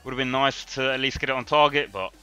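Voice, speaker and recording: A man livestreaming a football video game, giving chatty, excited live commentary and reacting loudly to the play. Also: mid-range voice, fast talker. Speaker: gaming livestreamer. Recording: slightly dull stream audio with game music. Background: game music.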